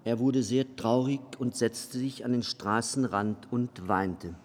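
A man reading a fairy tale aloud in a measured storybook narration. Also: medium pitch. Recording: long reverb with faint music behind.

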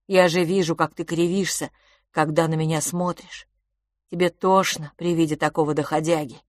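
A woman's voice: sits low, steady tone, normal speed, no echo, studio quality, close to an everyday voice. A woman voicing Philipp, a frail and sickly boy who speaks bitterly and wearily, with sighs. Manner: bitter, sighing, subdued.

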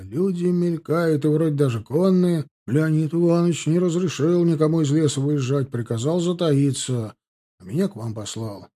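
A man voicing a dutiful male cavalry messenger who gives a steady report. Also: on the high side, close to an everyday voice.

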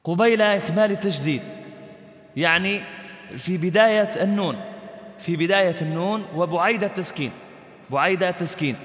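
A man teaching Quran recitation in a lecture, explaining step by step, checking that students follow, and slowly chanting example verses. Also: high-pitched, fairly bright tone, roomy sound, big-room sound.

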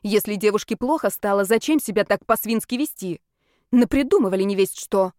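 A woman voicing a sharp-tongued, indignant young mother. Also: medium pitch, lively intonation, fairly quick, dry recording, studio quality, natural voice. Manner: indignant, scolding.

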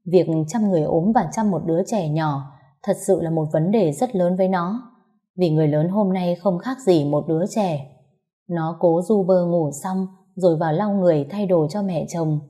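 A woman narrating a story in a calm, measured reading. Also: on the low side.

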